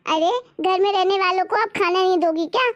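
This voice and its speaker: A woman's voice: extremely high pitch, fairly even intonation, fairly quick, a bit bright, highs cut off. A woman voicing a spoiled young sister-in-law who complains and taunts sarcastically. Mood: nagging.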